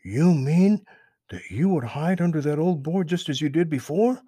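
A man's voice: a little high, animated, moderate pace, mellow, slightly rough, no room sound, pitched above the performer's own voice. A man voicing Peter Rabbit, an eager and apologetic young male rabbit, in an earnest, pleading storybook reading. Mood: curious. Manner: earnest, pleading, wide-eyed.

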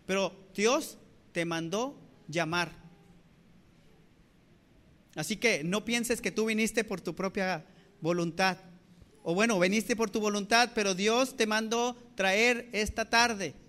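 A man preaching a sermon, impassioned, repeating phrases and swinging between loud and soft. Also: high voice, slow, long pauses. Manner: impassioned preaching, acting out voices. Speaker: pastor.

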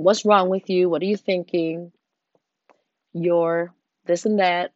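A woman giving an earnest, encouraging motivational talk, often dropping into hushed tones. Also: fairly low pitch, dry recording, highs cut off. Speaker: host.

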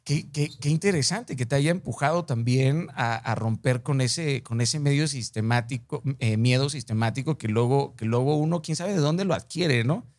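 A man's voice: medium pitch, moderate pace, hardly any pauses. Theatrical Mexican man interviewer. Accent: Mexican Spanish. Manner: expressive, theatrical storytelling with Mexican slang. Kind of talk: animated conversational interview.

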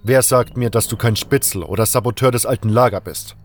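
A man's voice: medium pitch, fairly quick, soft background music, lightly acted. A man voicing a suspicious, stubborn male gate guard who questions a visitor sternly.

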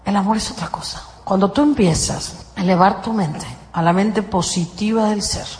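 A woman with a Mexican accent giving an inspirational sermon, dramatic and swinging between hushed and raised voice. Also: mid-range voice, normal speed, slight background noise. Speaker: motivational spiritual speaker. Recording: echoey hall with long reverb.

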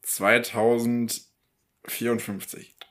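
A man's voice: mid-range voice, flat delivery, extremely slow, a bit bright. A man co-hosting a casual podcast, reacting and calling out answers in a memory game. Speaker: podcast co-host and contestant.

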